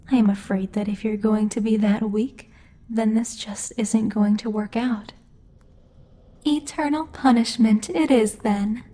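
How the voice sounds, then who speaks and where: A woman voices a demon lord for ASMR roleplay, coldly threatening yet protective, like a strict boss, speaking in a measured, imperious, teasing way. Her voice is fairly high with a warm tone.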